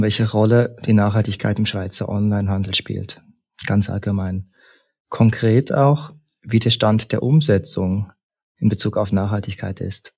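A man from Leipzig, a researcher and lecturer, calmly explaining study results point by point as a podcast guest. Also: fairly low pitch, vocal fry, slightly rough. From Leipzig, Germany. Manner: measured, structured, lists points in order. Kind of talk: explanatory interview talk.

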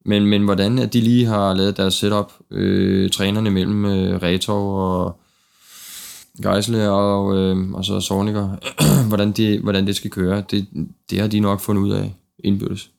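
Male podcast panelist, very low creaky voice, casual sports chat with halting, repeated words. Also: flat delivery, darkish tone. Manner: hesitant, repeats words as he thinks aloud. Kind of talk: casual football discussion.

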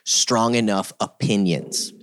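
A man's voice: lowish voice, takes it slowly, clean tone, dry recording. A man hosting a podcast with casual, joking banter. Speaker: podcast host.

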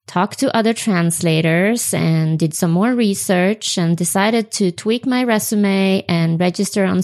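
Hosting her own unedited solo podcast, a Swedish-accented woman in her forties speaks in a voice on the low side and a little mellow. She often says um and corrects herself.

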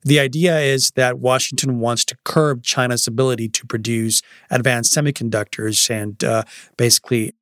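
A man's voice: medium pitch, fairly even intonation, normal speed, a bit bright, no echo, studio quality. A man who is a staff writer, explaining news as a guest in a podcast interview. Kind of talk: explanatory news analysis in conversation.

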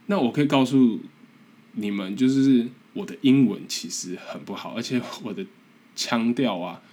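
A man's voice: mid-range voice, moderate pace, dark tone. A man in his twenties from Taiwan with a Taiwanese Mandarin accent, hosting a casual podcast monologue in an earnest, encouraging, self-deprecating way. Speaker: podcast host.

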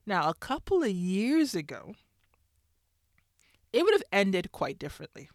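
A woman's voice: medium pitch, big pitch swings, a little slow, no room sound, studio quality. A woman telling a personal story about her marriage in a conversational way, sometimes acting out what others said. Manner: conversational, acts out quoted voices. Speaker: speaker sharing a faith-based marriage story.

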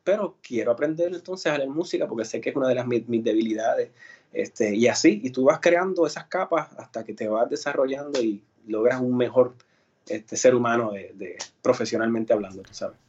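A man's voice: medium pitch, brisk, a little mellow, slightly rough, highs cut off. A Puerto Rican man, an actor and singer, telling his story in a casual interview with many fillers and restarts. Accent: Puerto Rican Spanish. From Puerto Rico.

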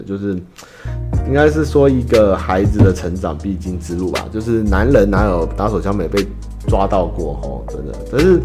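A man's voice: deep voice, darkish tone. A man with a Taiwanese Mandarin accent hosts a casual podcast, answering listener letters as a rambling, self-mocking storyteller. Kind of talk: casual chat.

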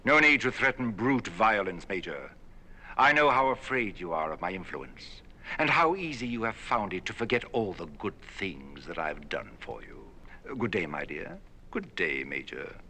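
A scheming, self-important stowaway from a 1960s television drama. His voice is bright and tense, his speech flowery and oily, and his pitch swoops up and down between syllables. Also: big pitch swings, moderate pace, slight background noise, full character voice. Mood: haughty. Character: scheming, pompous older male space stowaway.

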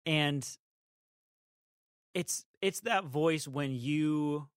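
A man's voice: fairly high pitch, drawn-out words, smooth, dry recording, clean studio sound. A man co-hosting a faith-based podcast, thoughtful and affirming, guiding the talk with questions. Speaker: podcast co-host, interviewer.

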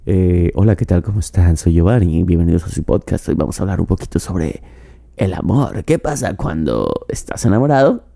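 A man's voice: sits low, lively intonation, brisk, creaky, warm tone. A man with a Mexican accent hosting a podcast alone, rambling and joking with profanity while drinking. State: drinking mezcal while talking. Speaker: podcast host. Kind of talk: casual solo podcast monologue.

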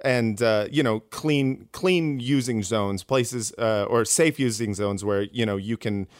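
A comedian guest in a casual interview, rambling with many fillers and restarts. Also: male voice, on the low side, a little slow, smooth, no echo, clean studio sound.

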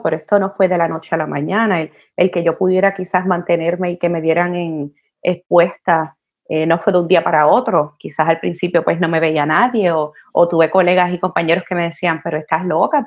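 A woman, a counselor talking as a podcast guest, passionate and animated, with many fillers. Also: on the low side. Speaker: guest, college admissions counselor. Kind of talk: conversational podcast interview. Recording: slightly dull podcast audio.

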